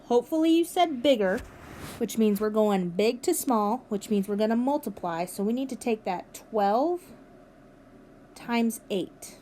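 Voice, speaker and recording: A woman's voice: fairly high pitch, lively intonation, a little slow, warm tone, a little hiss or hum. A woman teacher recording a math lesson for her students, upbeat and encouraging as she walks them through each step. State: has the hiccups. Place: at home with her dog nearby.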